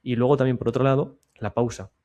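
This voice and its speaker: A man, speaking at a middling pitch, explains sales calls in a loose, chatty way. He talks in quick bursts and then turns quiet and slow to show how a question should land. It sounds like a sales coach talking straight to his viewers. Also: steady tone, dull audio. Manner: talks in bursts, drops volume and slows to demonstrate soft questions. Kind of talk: casual explainer to camera.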